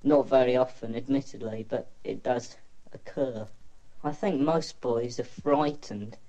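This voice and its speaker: A teenage boy giving quiet, matter-of-fact interview testimony through an electronically disguised voice. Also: mid-range voice, a little slow, poor audio. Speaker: anonymous pupil.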